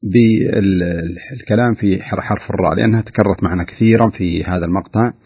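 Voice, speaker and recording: A man with a low, gravelly, husky voice teaches recitation rules, pausing and repeating sounds to show them. The sound is dry and dull, like a lo-fi radio feed. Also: dry recording. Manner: patient, demonstrates sounds, frequent hesitations.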